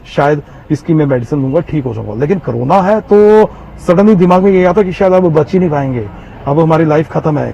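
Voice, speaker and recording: A man with a Jammu Hindi accent and a slightly high, mellow, slightly rough voice tells an interviewer about surviving Covid. He recounts his personal story earnestly, repeating himself and using lots of fillers. The recording is slightly muffled with faint background noise.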